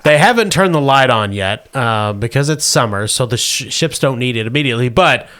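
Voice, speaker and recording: A man's voice: mid-range voice, lively intonation, brisk, a bit bright. A man hosting and narrating a comic tabletop game as game master.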